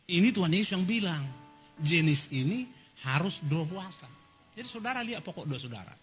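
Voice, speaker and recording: A man preaching a sermon as pastor, animated, swinging between loud and soft and acting out quoted voices. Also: sits high, a little fast, soft background music.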